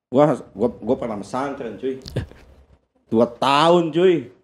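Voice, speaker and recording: A man's voice: medium pitch, lively intonation, slow pace. A man, a podcast guest talking bluntly in casual conversation, swearing offhand and laughing as he argues.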